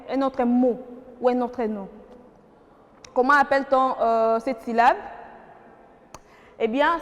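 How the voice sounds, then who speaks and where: A woman's voice: high voice, long reverb tail. A woman with a Congolese French accent teaching a primary school grammar lesson, patient and questioning, repeating key words for the class.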